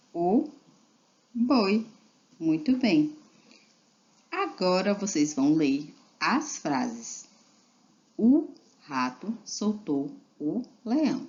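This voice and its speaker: Female teacher, low voice, unhurried patient delivery spelling syllables for kids; dull lo-fi recording. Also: a little mellow. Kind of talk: reading a children's literacy lesson aloud.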